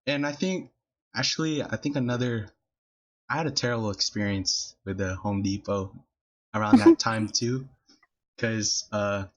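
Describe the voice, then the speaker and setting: This young man, a podcast host of Filipino family background from California, tells a rambling childhood story full of fillers, laughing along the way. He speaks on the low side at normal speed in a casual storytelling chat captured with dull lo-fi podcast audio.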